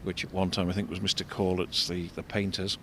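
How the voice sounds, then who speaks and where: An older man giving unscripted commentary as an architect and local guide, discursive and explanatory, halting and repeating words. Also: flat delivery, fairly bright tone. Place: outdoors in a shopping street. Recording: vehicle rumble, street noise. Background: faint street traffic rumble.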